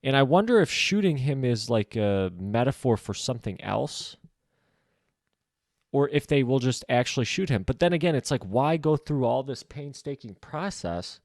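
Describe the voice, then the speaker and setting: A man's voice: mid-range voice, expressive, normal speed, darkish tone, dry recording, clean studio sound. A man hosting a solo podcast, casually discussing a novel, thinking aloud with frequent filler words.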